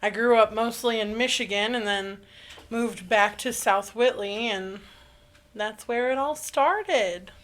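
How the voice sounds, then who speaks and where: A woman in her twenties from Indiana, co-hosting a podcast in casual chat, candid and quick when excited. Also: a little high. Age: 20s. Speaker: podcast co-host.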